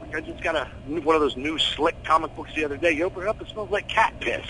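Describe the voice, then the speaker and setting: A middle-aged American man chatting casually in an interview, animated, opinionated and full of slang. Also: on the high side, fast talker, slight background noise, rough recording. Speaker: horror host being interviewed.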